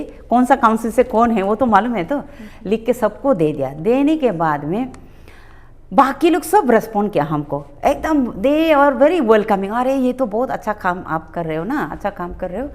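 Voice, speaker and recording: A middle-aged woman from Arunachal Pradesh recounts events as a talk-show guest, her voice fairly high and swinging widely in pitch. She slips into the voices of the people she quotes and drops English words into her speech. Her pace stays conversational. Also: measured pace. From Arunachal Pradesh, India. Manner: animated, acts out quoted exchanges, mixes in English words. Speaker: public health nursing officer, guest. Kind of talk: conversational storytelling.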